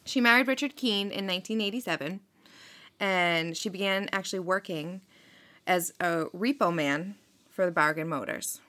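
Woman podcast host, casual true-crime storyteller, slightly low voice with a bright edge, lots of fillers. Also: moderate pace. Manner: chatty, filler-heavy, frequent "like" and "um".

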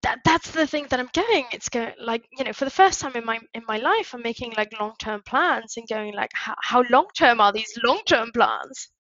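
Bright-voiced chatty woman, dry close sound. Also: a little high, animated, fairly quick, few pauses, dry recording, dull audio. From Spain. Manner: chatty, storytelling with many fillers and acted-out quotes. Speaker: guest. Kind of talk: casual interview chat.

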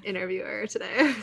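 A woman's voice: a little high, gravelly. A woman in her late twenties, a podcast co-host chatting in a reflective, casual way with many filler words. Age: late 20s.

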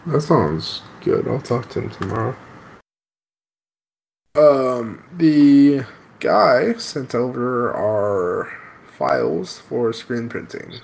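A man's voice: medium pitch, sing-song, extremely slow, vocal fry, a little mellow. A tired man chatting casually and informally with his podcast co-host over an online voice call. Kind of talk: casual private banter. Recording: noisy voice chat with clicks.

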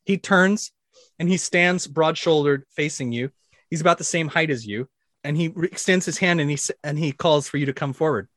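A man narrating a tabletop game as dungeon master, telling the action vividly and excitedly, with sound effects. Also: fairly high pitch, moderate pace, no room sound, clean studio sound.

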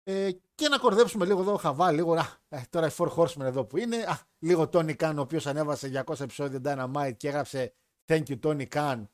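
This wrestling podcast host runs a live chat stream in a fairly high voice, talking with few pauses. His style is jokey and rambling, full of restarts.

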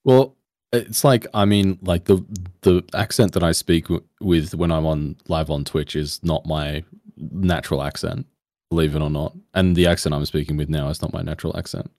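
Man with a very deep voice. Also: steady tone, normal speed, darkish tone, dry recording, clean studio sound. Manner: careful, hesitant, many fillers. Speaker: podcast co-host. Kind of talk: casual chat.

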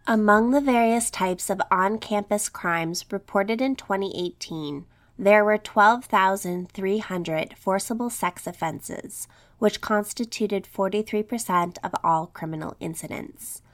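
Reading at a measured pace, a woman of medium pitch delivers scripted true crime narration filled with quotes and statistics. Her voice is a little scratchy as she gets over an illness.

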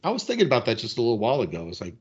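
A man who is a coach, chatting as a podcast guest in a relaxed way, laughing easily and trailing off mid-thought. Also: mid-range voice, very fast, husky. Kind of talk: casual chat. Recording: dull lo-fi sound.

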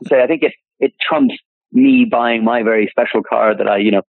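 Interviewed as a classic car dealer, a man rambles in casual chat, restarting often and repeating words. His medium-pitched voice is steady, brisk and creaky. The phone-line audio sounds tinny and dry, with no echo.

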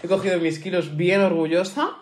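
A woman's voice: lowish voice, steady tone, crowd noise. A young woman co-hosting a casual podcast chat, playful and joking. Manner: playful, joking, quick to laugh. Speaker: podcast co-host. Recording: echoey room.

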